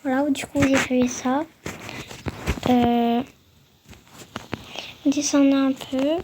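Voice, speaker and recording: Woman, high voice, slow pace, hesitant game tutorial voice-over, background noise. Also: little pitch movement. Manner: hesitant, halting, many fillers and restarts.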